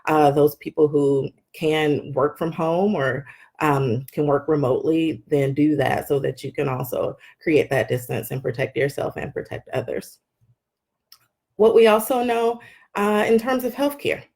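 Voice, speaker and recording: Woman, doctor, deep voice for a woman, calm, explanatory, frequent ums, live health update. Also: unhurried. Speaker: doctor running a wellness clinic. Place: wellness clinic.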